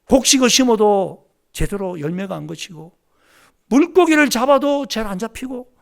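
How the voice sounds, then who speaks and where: A high-pitched male pastor whose voice swings widely up and down as he preaches. His voice has a gravelly, crackly edge. He tells stories vividly and acts out each person's lines. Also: normal speed. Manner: animated storytelling, acting out dialogue. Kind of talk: sermon. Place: church service.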